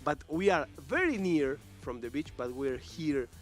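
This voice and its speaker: A man's voice: on the high side, sing-song, unhurried, faint music behind. A male esports commentator speaking live from a tournament venue, enthusiastic and repetitive, with slightly non-native phrasing.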